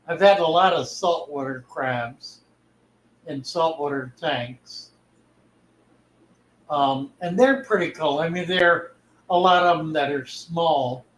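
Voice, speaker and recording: An older man hosts a fish-keeping livestream, chatting in a folksy, easygoing way and reading viewer comments aloud. His voice sits on the high side, and the rough recording carries the echo of the room.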